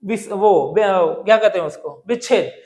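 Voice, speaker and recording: A Hindi grammar teacher with a medium-pitched, darkish voice works unhurriedly through multiple-choice exam-prep questions, one step at a time. He often asks a question, answers it himself, and checks in with "ठीक है" and "दोस्तों".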